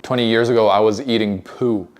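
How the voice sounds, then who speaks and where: Man, fairly low voice, sarcastic, joking, mock-outraged, comedic food reaction commentary. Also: steady tone, fairly quick, background noise. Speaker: food reviewer.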